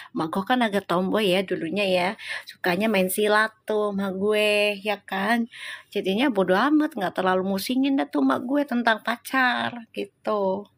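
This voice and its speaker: A middle-aged woman, a tarot reader telling a story casually to her livestream viewers, chatty and laughing often. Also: mid-range voice.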